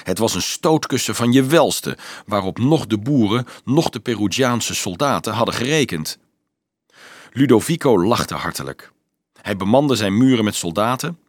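Low-voiced man reading a story. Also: expressive, no echo. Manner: dramatic, measured storytelling. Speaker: narrator. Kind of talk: audiobook reading.

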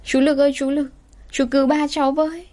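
A woman voicing a poor, gentle thirteen-year-old girl who talks politely and pleads through sobs. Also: on the high side, steady tone, a little fast, lightly acted. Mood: panicked sobbing. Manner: polite, pleading, sobbing cries.

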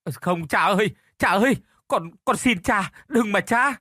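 Guy doing a frantic young son begging his dad, voice up high and strained, storybook audio. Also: expressive, unhurried, pushed and bright, dry recording, clean studio sound, full character voice. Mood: pleading desperate. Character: desperate young man pleading with his father.

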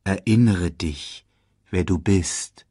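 A man voicing Mufasa, the ghost of a solemn lion king who speaks low and slow. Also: no echo, studio quality.

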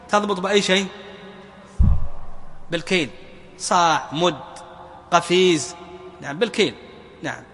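A man teaching a classroom lesson on religious law, quizzing his students with repeated questions and drawing key words out slowly. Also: sits high, fairly bright tone, long reverb tail, a little hiss or hum. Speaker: Islamic jurisprudence teacher.

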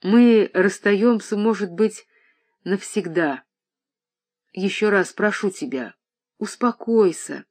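A reader voicing a young daughter in an audiobook, speaking quietly, tenderly and firmly. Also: medium pitch, measured pace, natural voice. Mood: pleading. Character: young daughter, calm, gentle and resolute. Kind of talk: audiobook reading.

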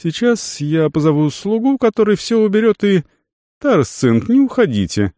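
A male reader voicing a fawning, scheming merchant who coaxes and insists in a sugary, drawn-out way. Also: high voice, big pitch swings, warm tone, no room sound, clean studio sound, voice pushed up. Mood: smoothing over.

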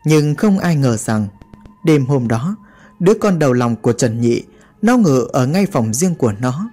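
A man's voice: mid-range voice, very animated, measured pace, mellow, faint music behind. Dramatic male horror storyteller.

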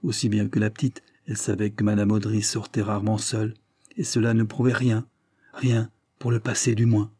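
A man narrating a classic short story in a measured, expressive literary reading. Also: on the low side, slightly rough, dry recording, studio quality. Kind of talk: scripted audiobook narration.

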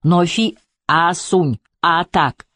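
A man reading an audiobook, voicing a shrill, fretful middle-aged wife who scolds and nags. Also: takes it slowly, pushed and bright, dry recording, clean studio sound. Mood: anxious.

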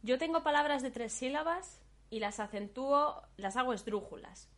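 A woman's voice: high voice, expressive, normal speed, a bit bright. Exclaiming woman co-host. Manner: reactive, exclaiming, good-humored. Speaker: podcast co-host. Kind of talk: casual podcast chat.

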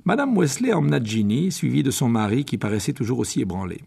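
Gravelly, lively male audiobook narrator. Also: mid-range voice, quick pace. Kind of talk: scripted narration.

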